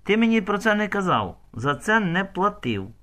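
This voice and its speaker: A man's voice: high voice, sing-song, moderate pace, pushed and bright, pitched above the performer's own voice, exaggerated voice. A man voicing a menacing hired stranger who hisses and sneers his words. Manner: hissing, sneering.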